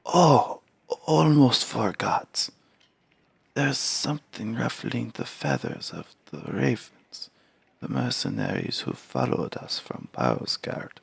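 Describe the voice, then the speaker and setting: A man voicing an old male giant scribe, speaking slowly in a soft, half-whispered way. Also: mid-range voice, very animated, creaky, breathy edge, no room sound, pitched above the performer's own voice, full character voice. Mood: hushed, measured.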